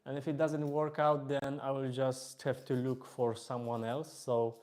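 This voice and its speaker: A man's voice: medium pitch, measured pace. A young man from Poland with a Polish accent, casually chatting on a live stream while playing and reading viewer comments aloud. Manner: relaxed, chatty, reads chat aloud, hesitant fillers.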